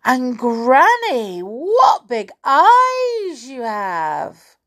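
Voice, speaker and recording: A woman puts on a sweet little girl from a storybook. The voice is pitched high and swings animatedly. It sounds innocent and full of exaggerated wonder. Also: wildly swooping pitch, extremely slow, a bit bright, heavily acted. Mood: concerned, wondering. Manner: exclaiming, wondering, exaggerated storybook child delivery.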